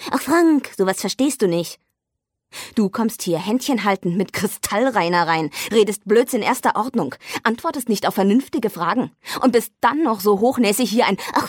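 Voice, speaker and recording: A woman's voice: mid-range voice, no room sound, studio quality, lightly acted. A woman voicing an irritable, jealous young man who talks sarcastically and flares into rants. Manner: sarcastic, escalating into shouting rants.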